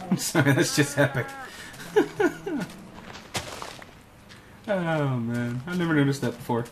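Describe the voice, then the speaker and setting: Against a noisy background, a man with a fairly high voice plays a video game at a normal speaking speed. His casual commentary includes muttering to himself and coaxing the game's animals.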